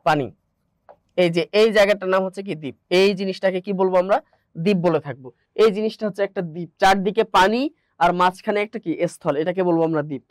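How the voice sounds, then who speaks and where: A high-pitched young man with a Bangladeshi Bengali accent, teaching an exam-prep lesson. He keeps asking rhetorical questions and answering them himself. The sound is dry and close. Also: fast, dry recording. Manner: drills points with rhetorical questions, repeats answers.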